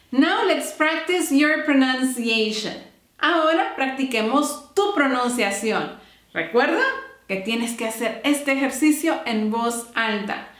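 A woman teaching English phrases in a bilingual lesson, modeling each line clearly for the listener to repeat. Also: high voice, fairly bright tone, reverberant.

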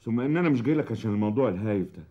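An actor playing a pragmatic, measured lawyer advising a client, in a TV drama. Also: male voice, lowish voice, expressive, lo-fi sound. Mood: calm. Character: shrewd calm lawyer. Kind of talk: TV drama acting.

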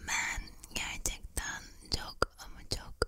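A young woman narrating an ASMR vlog in a hushed whisper, quiet as if at night, softly repeating words. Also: slow. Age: young adult. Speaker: vlogger narrating her work day.

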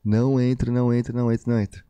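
A man's voice: medium pitch, flat delivery, rapid-fire, dark tone, clear, resonant tone, no echo. A young man from Brazil, a podcast guest telling a long story in casual, slangy talk full of repeated phrases.

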